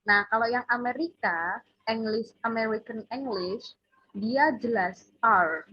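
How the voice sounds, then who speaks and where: A woman's voice: a little high, takes it slowly, husky, dull audio. Patient woman teaching English letters. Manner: patient, drills letters for repetition. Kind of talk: casual one-on-one English lesson.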